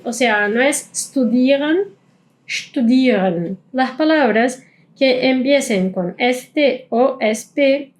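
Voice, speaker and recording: Woman teaching, slow careful drills. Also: on the high side. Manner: repeats sounds slowly, drawn-out vowel drills. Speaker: German teacher. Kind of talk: pronunciation lesson.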